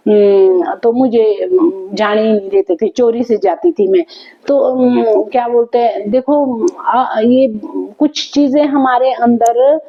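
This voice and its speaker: Woman, casual reminiscing vlog talk, reflective with frequent pauses, slightly dull lo-fi recording. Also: fairly high pitch. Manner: unhurried and reflective, with many thinking pauses. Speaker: vlogger.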